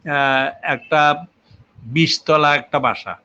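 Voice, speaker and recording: Slow-paced and forceful, this older man's mid-range voice has a bright tone. He's a linguistics professor in an interview, explaining patiently through examples with plenty of fillers, and the lo-fi recording sounds muffled.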